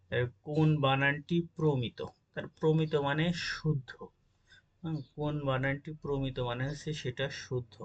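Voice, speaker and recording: A man's voice: mid-range voice, highs cut off, a little hiss or hum. A man teaching an exam-prep grammar lesson, reading out word lists and often checking in with his listeners. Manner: reads word lists, checks in with "ঠিক আছে?".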